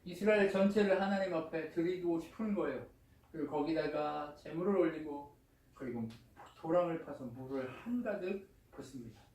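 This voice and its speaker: A male pastor delivers a sermon in a chatty, lively way and keeps asking the congregation questions. His voice is fairly high. It is caught by a distant mic in an echoey church hall. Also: normal speed. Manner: lively and colloquial, asks the congregation frequent questions. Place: church sanctuary.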